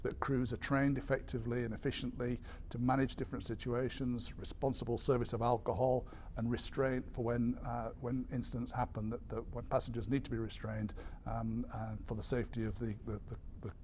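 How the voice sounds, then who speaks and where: A man giving an explanatory briefing as an industry spokesperson, measured but hesitant, with frequent ums and repeated words. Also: mid-range voice, flat delivery, darkish tone, slight background noise. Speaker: airline industry association spokesperson.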